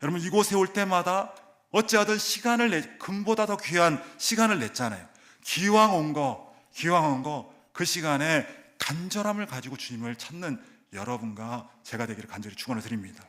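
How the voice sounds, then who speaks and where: A middle-aged man preaching a sermon in church, swinging between loud emphatic calls and soft, low asides, and acting out voices of the people in his story. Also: a little fast. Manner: acts out voices of crowd and characters. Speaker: pastor. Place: church sanctuary.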